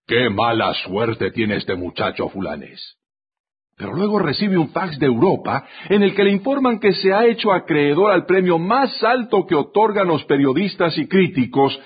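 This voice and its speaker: As a radio commentator, a man delivers a scripted reflection, telling a story and acting out the quoted lines in a high-pitched voice with a breathy edge. The sound is dull, lo-fi radio quality.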